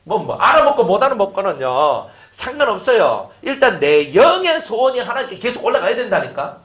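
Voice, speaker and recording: Male pastor, sermon, rhetorical questions, very animated delivery, reverberant room. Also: high voice, fairly quick. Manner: lively preaching with rhetorical questions and acted-out quotes. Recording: echoey room.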